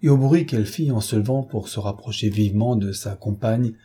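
A man reading a classic novel aloud in a steady, measured storytelling manner. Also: lowish voice, slightly rough. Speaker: audiobook narrator.

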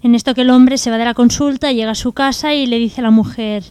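A woman trades jokes on a radio comedy show. Her voice is high and her quips are dry and playful. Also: steady tone, fast talker, darkish tone, clear, resonant tone, no echo. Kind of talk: joke-telling on comedy radio. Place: radio studio.

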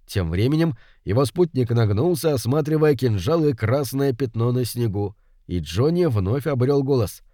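Man narrating an audiobook, lively pitch. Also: moderate pace, few pauses, dry recording, studio quality. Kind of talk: scripted narration of a detective story.

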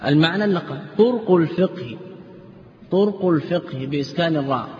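A man with a fairly high voice gives a classroom lecture in a reverberant hall. He keeps asking his students questions and then answers them himself, and he repeats word forms as drills. The recording sounds dull and muffled, with a faint hiss underneath. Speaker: Islamic scholar teaching a class. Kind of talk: classroom lecture on legal theory and grammar.

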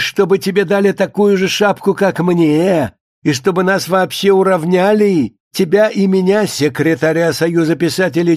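A man's voice: high-pitched, a little mellow, no echo, clean studio sound, pitched above the performer's own voice, lightly acted. A man voicing a pompous, boozy older Soviet official who hectors and scorns his visitor in a long tirade. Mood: furious.

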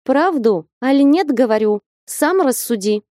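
A woman voicing a bold, sharp-tongued young woman who scolds and commands, in a read-aloud story. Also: animated, measured pace, no room sound, clean studio sound. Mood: mocking. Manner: scolding, commanding, rising to high pitch. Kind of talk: audiobook character reading.

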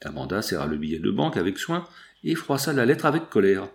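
A man narrating a novel in a measured, expressive reading. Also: fairly low pitch. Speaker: audiobook narrator.

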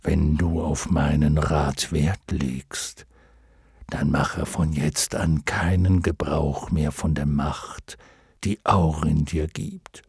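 A man voicing a wise, solemn male luck dragon in an audiobook, speaking slowly and gravely. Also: a bass voice, steady tone, darkish tone, no echo, clean studio sound, pitched below the performer's own voice, full character voice. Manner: slow, grave, almost ceremonious. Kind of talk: audiobook character voice.

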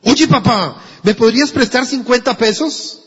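A man's voice: unhurried, husky, full character voice. A man voicing an eager, pleading little boy in a sermon story. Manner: high, pleading, excited. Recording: dull echoey church recording.

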